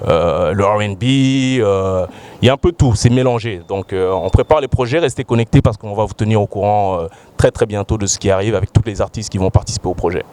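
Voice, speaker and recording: Low-voiced rapper man plugging his music. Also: brisk, a little mellow. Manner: earnest, promoting, slightly hesitant. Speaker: rapper guest. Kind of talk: promotional talk.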